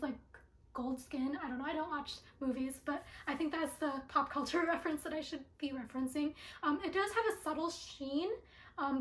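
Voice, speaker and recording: In a casual vlog, a young beauty reviewer goes through her skincare haul, chatty and peppering her speech with ums and likes. Her high voice is slightly raspy from allergies, and the audio echoes around the room.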